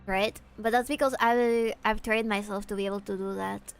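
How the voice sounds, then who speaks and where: A young Peruvian woman whose first language is Spanish streams a game, chatting casually in a mid-range voice at normal speed with vocal fry. Her tone is clean over soft background music, and she's chatty and animated, swearing freely and reacting to chat.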